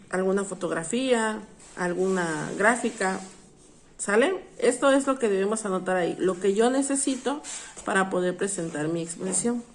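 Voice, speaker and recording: A woman's voice: mid-range voice, darkish tone, a little hiss or hum. A woman teaching a lesson, patient and explanatory, often asking rhetorical questions and calling out words for emphasis. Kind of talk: online class lesson.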